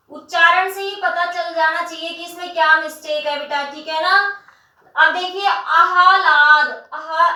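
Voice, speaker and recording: A woman teacher with a very high, bright voice walks students through a spelling lesson, patiently breaking each word into its syllables. The sound bounces around a bare, echoey room, and she is heard from a distance. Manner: patient, addresses students as "beta"; spells words out slowly, syllable by syllable.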